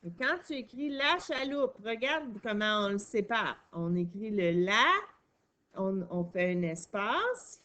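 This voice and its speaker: Slow, patient Quebec French teacher woman. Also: mid-range voice, a bit bright. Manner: patient, step-by-step explaining. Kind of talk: reading and writing lesson for a young child.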